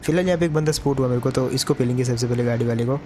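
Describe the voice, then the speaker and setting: A man's voice: medium pitch, very fast, warm tone, a little hiss or hum. A man giving chatty gameplay commentary to his viewers, calling them brother. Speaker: gaming YouTuber.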